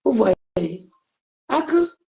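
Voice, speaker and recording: A woman's voice: a little high, big pitch swings, very slow, vocal fry, warm tone, low-quality recording. A woman hosting a casual live stream, speaking emphatically to her viewers and often repeating her phrases.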